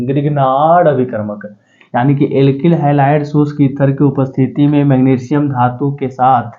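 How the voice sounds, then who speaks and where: A man teaching a chemistry class in a relaxed, reassuring way, drawling formulas out slowly and calling students "bachcha". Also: medium pitch. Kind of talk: classroom lecture. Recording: tinny phone-like sound.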